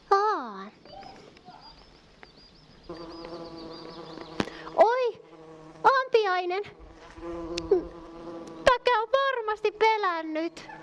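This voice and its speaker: A woman voicing a kind young shepherd girl in a puppet show, talking to the children in the audience like a storyteller. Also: extremely high pitch. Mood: engaging. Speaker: puppet character.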